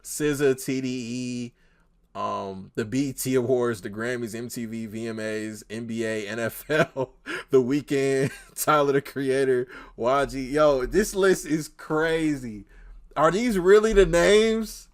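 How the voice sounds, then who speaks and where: A man reacting casually to a video, laughing often and getting loud and excited as he talks back to it. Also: mid-range voice, measured pace. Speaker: reaction streamer.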